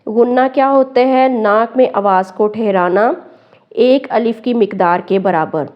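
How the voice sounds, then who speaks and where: A woman teaching word-by-word Quran recitation, saying each word slowly and deliberately, then explaining pronunciation patiently step by step. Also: a little high. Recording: muffled lo-fi recording.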